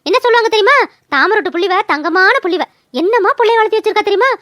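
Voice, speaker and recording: A woman's voice: very high voice, lively intonation, very fast, a bit bright, no room sound, studio quality. A woman voicing a stern village mother who lectures and scolds her children, in a cartoon. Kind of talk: cartoon voice acting.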